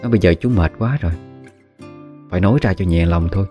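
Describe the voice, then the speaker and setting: A man narrating a horror story in a relaxed, conversational way with spoken fillers. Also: low-pitched, fast. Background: faint guitar music.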